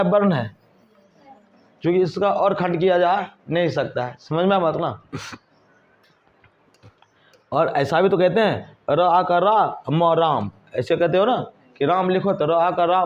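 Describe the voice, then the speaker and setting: A man teaching a whiteboard grammar lesson, asking the class questions and answering them himself. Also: high-pitched. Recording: dull lo-fi recording.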